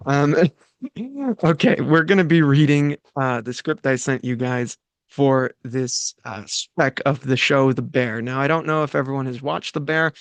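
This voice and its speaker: A man with a medium-pitched voice hosts a table read at an unhurried pace, recorded dry. He moves between casual, playfully crude group banter and reading out the stage directions.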